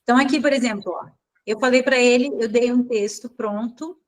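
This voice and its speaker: A woman leads a live online class as a mentor. Her voice sits a little high, and her talk is informal and thought out loud, with frequent self-corrections. It comes through a video call. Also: a little fast, low-quality recording. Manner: informal, thinks aloud, corrects herself.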